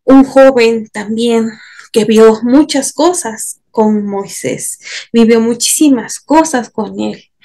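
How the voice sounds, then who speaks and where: A woman's voice: on the high side, takes it slowly, vocal fry, mellow. A woman with a Mexican Spanish accent teaching a church Bible course, earnest, often asking rhetorical tag questions.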